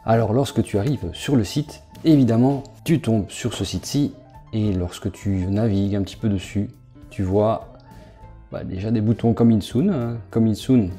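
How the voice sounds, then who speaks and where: A man giving a casual screen walkthrough as a YouTuber, talking straight to the viewer and halting with fillers. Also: on the low side, dark tone. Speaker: crypto investment YouTuber.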